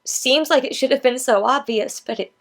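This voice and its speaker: A woman's voice: high-pitched, normal speed. A woman in her thirties reflecting candidly as she comments on an older video of herself. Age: 30s. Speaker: vlogger.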